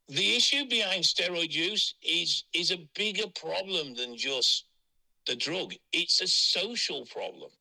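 A man's voice: fairly high pitch, bright, forceful tone. A man speaking bluntly and frankly as an interviewee, heard over a phone line. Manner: blunt, frank and matter-of-fact.

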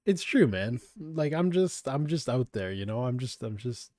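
Casting: young male podcaster, mellow, dry close sound, tipsy and rambling. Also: medium pitch, very animated, moderate pace, no echo. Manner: rambling, swears a lot, laid-back. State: intoxicated. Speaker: podcast host. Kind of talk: casual chat.

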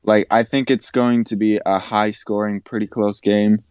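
Deep-voiced man hedging his sports take. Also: flat delivery, moderate pace, darkish tone, clear, resonant tone, no room sound, studio quality. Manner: hesitant, hedging. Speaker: podcast co-host. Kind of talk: casual sports chat.

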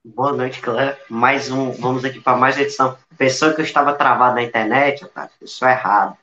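A man's voice: mid-range voice, steady tone, brisk, pushed and bright. A man introducing a live stream in a casual, playfully grandiose way. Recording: echoey room, dull noisy stream audio.

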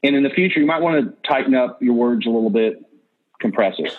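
A man in a casual group discussion, giving coaching examples in a relaxed way. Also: mid-range voice, quick pace, phone-quality sound.

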